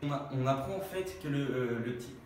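Teen boy, halting vox-pop answer, phone mic in a reverberant corridor. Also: mid-range voice, a little hiss or hum. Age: teens. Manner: hesitant, stumbling retelling. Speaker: interviewed student. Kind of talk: vox pop film retelling. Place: school hallway indoors. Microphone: phone held out by interviewer.

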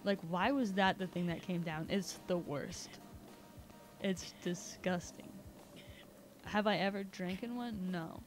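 A woman's voice: fairly low pitch, takes it slowly. A woman from Canada chatting casually while streaming a video game, rambling and laughing often. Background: video game music.

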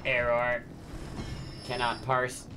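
A man's voice: medium pitch, completely flat delivery, slow pace, over music, natural voice. Man putting on a glitching robot. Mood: glitchy. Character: glitching male robot, stuck in errors. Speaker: game streamer. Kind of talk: casual live-stream chat.

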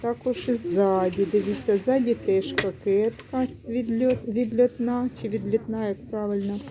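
With crowd noise around her, a middle-aged woman vlogs casually about secondhand clothes in an indoor secondhand shop. Her slightly high voice keeps fairly even intonation at a moderate pace as she explains each item unhurriedly and fixes words mid-way.

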